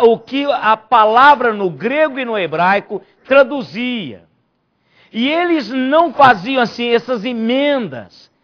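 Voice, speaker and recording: A man, a pastor, teaching a Bible study and stressing key phrases by repeating them. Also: very high voice. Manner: emphatic preacher, repeats key phrases, rising to near shouts. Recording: dull lo-fi church recording.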